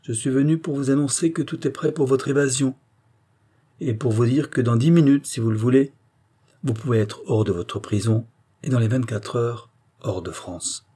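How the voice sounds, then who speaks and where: A man voicing a persuasive aristocratic baron who talks in a smooth, insistent, coaxing way in an audiobook reading. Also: mid-range voice, fairly even intonation, normal speed, dark tone, close to an everyday voice.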